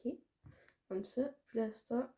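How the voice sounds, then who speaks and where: A woman's voice: on the high side, slow pace, dark tone. A woman with a Quebec French accent chatting casually through a makeup tutorial, rambling and hesitant with many fillers. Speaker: makeup vlogger.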